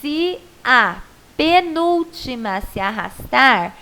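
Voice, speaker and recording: A woman's voice: high voice, sing-song, extremely slow, pushed and bright, low-quality recording. A Brazilian woman primary school teacher giving a patient, coaxing video lesson to a child, stretching out syllables to show stress.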